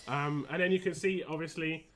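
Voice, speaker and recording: A man chats casually on a gaming live stream, rambling and stopping to restart. His voice is a little high and forceful in tone, with the wheezy, short-winded sound of someone fighting a cold. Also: fairly even intonation, moderate pace.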